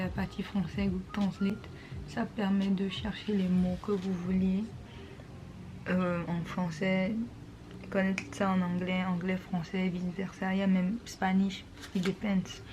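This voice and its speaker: Patient woman vlogger explaining pronunciation. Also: medium pitch. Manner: patient, explains and repeats words slowly. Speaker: vlogger teaching English pronunciation. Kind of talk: casual explanatory vlog.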